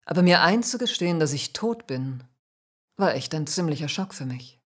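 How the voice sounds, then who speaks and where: A woman voicing the ghost of a man killed in a motorcycle crash, snappish at first and later quietly remorseful, in a spoken ghost story. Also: sits low, animated, moderate pace. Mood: subdued. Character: dead male biker ghost, gruff, then humbled.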